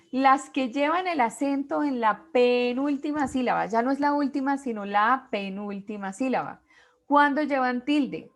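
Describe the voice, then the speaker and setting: A woman teacher giving an online class over a video call, explaining rules step by step and reading out lists of words one by one. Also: on the high side. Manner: slow, deliberate, reads out word lists.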